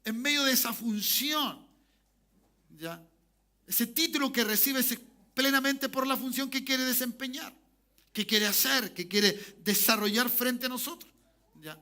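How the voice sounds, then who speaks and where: A man's voice: very high-pitched, measured pace, long pauses, bright, forceful tone. A man, a pastor preaching a sermon and often calling the congregation to say amen. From Chile. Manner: preaching, repeats calls for amen.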